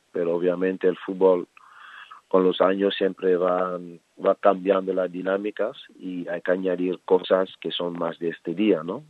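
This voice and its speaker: A middle-aged man from the Netherlands, a former footballer turned coach, talking as a guest in a radio interview, relaxed and halting, with many fillers and restarts. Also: deep voice, no echo. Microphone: phone. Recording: tinny phone line.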